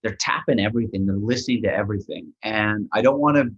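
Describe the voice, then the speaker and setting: A man co-hosting a soccer podcast, breaking down tactics in quick animated bursts. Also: on the low side, slightly rough, muffled recording. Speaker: podcast co-host and soccer analyst. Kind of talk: casual sports podcast chat.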